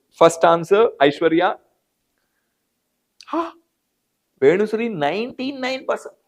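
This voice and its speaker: A man with an Indian English accent teaching a live online biology class, repeating answers and calling on students by name. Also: high-pitched. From South India. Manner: repetitive, addresses students by name.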